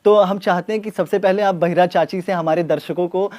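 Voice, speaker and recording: A man's voice: high-pitched, fairly even intonation, brisk, darkish tone. A man interviewing a guest politely and respectfully, with frequent fillers. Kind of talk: interview questions.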